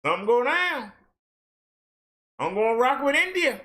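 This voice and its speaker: On camera, a vlogger rants casually about society, firing off rhetorical questions in colloquial language. His bright, forceful voice sits high for a man, moves sing-song at a moderate pace, and occasionally breaks into a shout.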